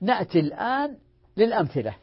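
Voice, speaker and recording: A sheikh teaching Arabic morphology gives a classroom lecture, repeating each rule and drilling word forms while asking and answering his own questions. His voice sits high, slightly rough and fast, with huge pitch swings, on a dull lo-fi recording.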